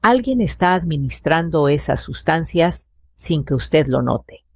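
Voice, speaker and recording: An older woman voicing a calm, formal female health investigator who speaks in measured, procedural terms. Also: sits low, dry recording, heavily acted.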